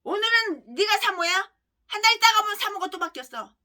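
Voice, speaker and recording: A woman pastor preaching a fierce denunciation in a very high, piercing voice. Her pitch leaps wildly up and down, and her tone is bright and cutting. She rants relentlessly and breaks into shouts. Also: animated, a little fast. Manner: vehement, ranting, heavy name-calling, bursts of shouting. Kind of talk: fiery denunciatory sermon.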